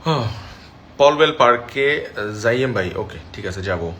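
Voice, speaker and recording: A man's voice: medium pitch, animated, moderate pace, a bit bright, slight background noise. A young man reading fans' comments aloud and answering them in a casual live chat from his room, mixing English phrases into his talk. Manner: chatty, mixes English phrases into speech. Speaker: actor reading fan comments on a livestream. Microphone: phone livestream.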